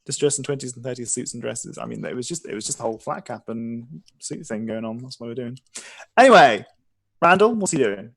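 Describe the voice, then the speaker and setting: A man's voice: medium pitch, expressive, brisk, a bit bright, no room sound. Guy running a tabletop game stream as game master, narrating and chatting, kinda self-deprecating.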